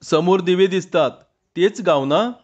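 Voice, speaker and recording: A man's voice: high-pitched, measured pace, voice pushed up. Man putting on a fretful rural wife, raised and scolding, rustic speech, muffled lo-fi sound. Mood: anxious scolding. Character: rural village wife, anxious, outspoken, fearful of floodwater. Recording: dull lo-fi sound.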